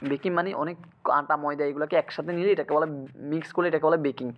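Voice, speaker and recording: Fast, high-voiced grammar teacher. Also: male voice, fairly even intonation, dull audio, a little hiss or hum. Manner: keeps checking students understand with quick asks. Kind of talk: exam-prep lecture.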